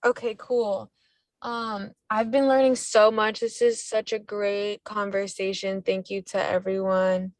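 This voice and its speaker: A woman's voice: mid-range voice, flat delivery, unhurried, no echo. A young woman calling in while driving her car, speaking hesitantly with many restarts and ums. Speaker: community meeting participant. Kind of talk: casual discussion on a video call. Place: inside a car.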